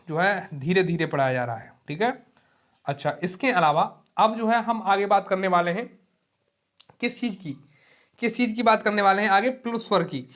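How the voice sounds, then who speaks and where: A male Hindi teacher with a high, slightly bright voice gives an exam-prep lecture. Patient and repetitive, he explains slowly, repeats key terms, keeps saying "ठीक है" and stretches vowels out to demonstrate them.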